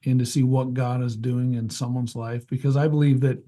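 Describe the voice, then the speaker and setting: A man interviewing a chaplain, asking gentle questions and affirming his guest's story. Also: mid-range voice, little pitch movement, moderate pace. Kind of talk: interview conversation.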